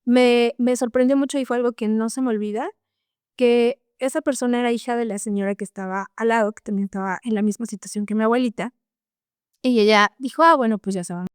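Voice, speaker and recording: A woman's voice: on the high side, fairly even intonation, brisk, darkish tone, smooth, dry recording, studio quality. A young woman guest telling a personal story in an earnest, casual way, often tagging her lines with a questioning "no?". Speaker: podcast guest.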